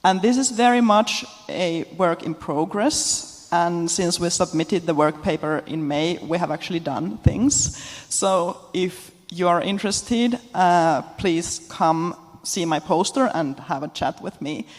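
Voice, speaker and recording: Man, somewhat high voice, businesslike pitch, reverberant hall. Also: measured pace. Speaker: conference presenter. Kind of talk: short poster pitch. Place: conference hall. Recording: echoey lecture hall.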